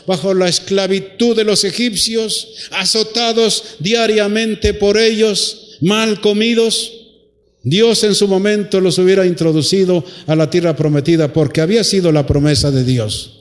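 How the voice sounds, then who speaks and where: A man's voice: high-pitched, steady tone, measured pace. A man preaching a sermon, putting rhetorical questions to his congregation and drawing out phrases for emphasis, recorded in a church hall.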